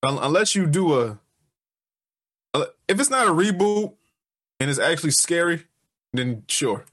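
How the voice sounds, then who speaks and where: A man's voice: a little high, big pitch swings, a little slow, fairly bright tone, no room sound. Man: easygoing profane host, dry close mic. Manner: laid-back, profane, laughs often. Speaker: podcast host. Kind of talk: casual chat.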